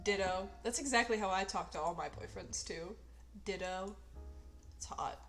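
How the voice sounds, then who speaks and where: A woman's voice: medium pitch, moderate pace, fairly bright tone, faint music behind. A young woman streamer reading her old fanfic aloud, breaking off for sarcastic, self-mocking asides.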